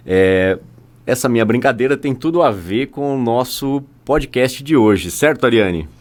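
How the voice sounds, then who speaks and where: A man's voice: medium pitch, animated, moderate pace. A man with a Brazilian Portuguese accent co-hosting a podcast in a playful, joking way. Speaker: podcast co-host.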